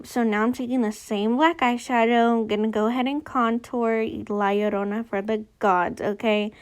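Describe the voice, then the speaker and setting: A woman's voice: medium pitch, clear, resonant tone. A woman with a noticeable lisp from a retainer, narrating a makeup tutorial in a casual, chatty, informal way. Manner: chatty, informal, girlfriend-to-viewer talk.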